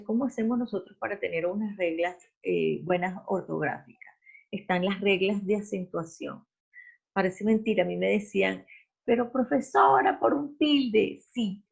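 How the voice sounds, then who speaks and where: Gravelly-voiced woman teacher lecturing. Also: mid-range voice. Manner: explanatory, repeats herself, frequent self-corrections. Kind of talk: online class lecture. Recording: dull lo-fi recording.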